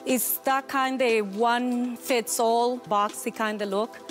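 A woman in her forties from Colombia with a Colombian Spanish accent, pitching her business to investors in an upbeat, persuasive way. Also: fairly even intonation, slow, faint music behind. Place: large studio set.

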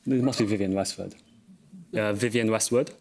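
A young man from South Korea sits on a quiz panel in a television studio. He talks with his teammates in a relaxed, tentative way before settling on an answer. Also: fairly low pitch, normal speed, very noisy. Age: young adult. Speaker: quiz contestant, team captain. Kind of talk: casual team conferring.

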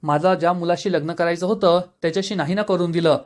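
Defiant young woman talking back fast, man reading it. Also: sits high, steady tone, natural voice.

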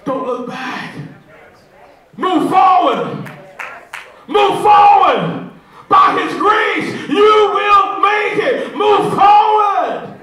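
A man preaching a sermon in a church sanctuary, speaking into a handheld mic with impassioned, drawn-out calls to the congregation. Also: very high-pitched, expressive, a faint crowd, a little hiss or hum. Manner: impassioned call-and-response preaching, shouting in sustained whoops. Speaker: pastor. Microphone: handheld microphone. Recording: very echoey church from far off, with congregation and organ.

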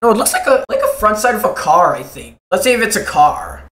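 Excitable gamer with lively pitch in an echoey room. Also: brisk. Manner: excitable, rambling, breaks into silly voices. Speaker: mod reaction video host. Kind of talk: casual game reaction commentary. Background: faint game music.

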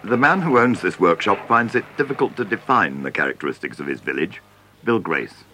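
A man reads a documentary script in a measured, deliberate way. His voice sits very low yet sounds bright and clear. His pitch moves widely through each line, with a faint hiss behind him. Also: lively intonation. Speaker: documentary narrator.

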